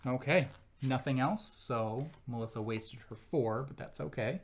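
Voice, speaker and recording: A man's voice: medium pitch, a little slow. A man hosting a board game playthrough, patiently explaining the rules step by step to viewers and his co-player.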